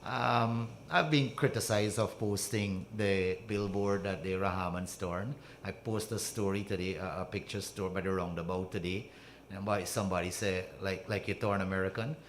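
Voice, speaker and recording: A middle-aged man from Guyana with a Guyanese accent, co-hosting a studio radio talk show, halting and repeating words as he builds his point. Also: low-pitched, steady tone, a little hiss or hum. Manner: halting, repeats words, grows loud and proud. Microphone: studio mic with headphones.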